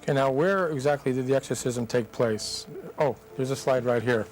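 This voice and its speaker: A man's voice: mid-range voice, normal speed, a little mellow, slight background noise. A man hosting an interview, asking curious, short prompting questions. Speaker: talk show host.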